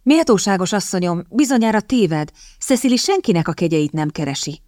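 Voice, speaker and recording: A woman reading a determined, sharp young lady. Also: on the low side, lively intonation, dry recording, clean studio sound, close to an everyday voice. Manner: brisk, pointed, at times hissing. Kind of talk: audiobook character voice.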